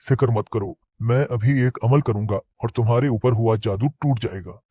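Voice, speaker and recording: A man's voice: mid-range voice, normal speed, noisy background, lightly acted. A man playing a frightened holy man. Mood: calm.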